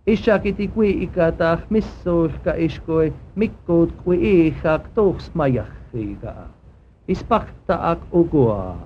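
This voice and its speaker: A man reading a scripture passage aloud in a steady, measured cadence. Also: fairly high pitch, highs cut off, a little hiss or hum. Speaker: scripture reader.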